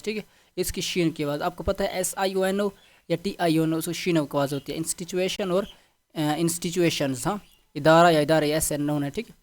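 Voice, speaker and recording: A man teaching an English vocabulary lesson to a class, spelling words out and checking understanding after each one. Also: on the high side. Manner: repeats words and checks with "theek hai".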